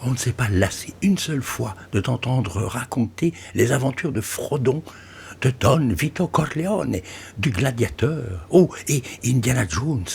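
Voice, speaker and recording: A man voicing a shy, excitable young woman flutist who talks breathlessly and often drops to a whisper in this audiobook. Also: mid-range voice, measured pace, gravelly, a little hiss or hum, pitched above the performer's own voice. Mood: starstruck.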